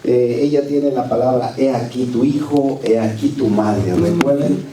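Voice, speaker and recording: A man speaking as a pastor, introducing the next speaker at a church service, quick and repeating words as he goes. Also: medium pitch, echoey room, recorded from a distance, background noise.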